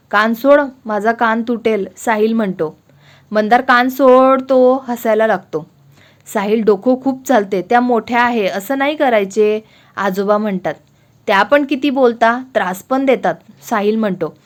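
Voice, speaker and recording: Marathi woman narrating a family story. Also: fairly high pitch. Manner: reads every character's lines in her own voice.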